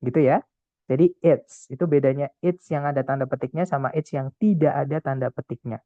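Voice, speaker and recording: A man's voice: mid-range voice, brisk, dry recording. Man with tinny phone-like sound, explaining. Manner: explains step by step, often adds filler words. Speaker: English test tutor. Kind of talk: casual online lesson.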